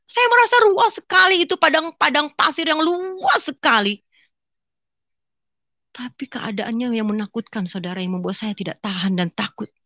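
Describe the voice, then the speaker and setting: A woman giving an emotional personal testimony, swinging from loud cries to hushed whispers. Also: fairly high pitch, normal speed, no room sound. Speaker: testifying guest.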